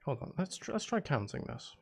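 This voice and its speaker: A man casually live streams while composing music, his slightly high voice very animated, a bit fast, and touched with vocal fry. He thinks aloud, counting and humming rhythms, with music playing and a faint hiss or hum in the background.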